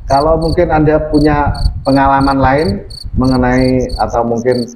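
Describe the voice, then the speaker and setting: A man hosting a radio interview, asking calm questions and acknowledging his guest often. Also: medium pitch, moderate pace, slight background noise, poor audio. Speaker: radio host. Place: radio studio.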